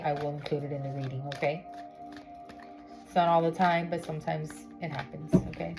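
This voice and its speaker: The recording is rough, capturing a low-voiced tarot reader from Miami, United States, in a casual spiritual vlog. She chats with lots of fillers and repeatedly checks in with "okay?" while background music plays.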